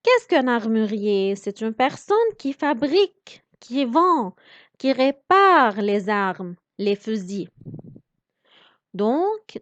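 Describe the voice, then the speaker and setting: A woman teaching French reading, speaking slowly and over-articulating each word as she explains pronunciation. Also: a little high, no echo. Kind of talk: reading lesson. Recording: dry, dull lo-fi sound.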